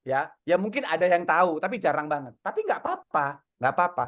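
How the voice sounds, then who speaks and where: Guy coaching folks on a video call, lively, encouraging, tells stories. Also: a little high, fairly quick. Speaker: coach answering audience questions. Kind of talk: casual online Q&A advice.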